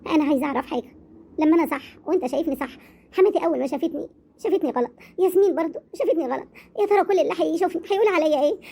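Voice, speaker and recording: A woman's voice: sits high, very fast, vocal fry, mellow. A woman with an Egyptian accent playing a timid, anxious wife who pleads with her husband in a family web drama. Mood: pleading. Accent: Egyptian Arabic. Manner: pleading, nervous.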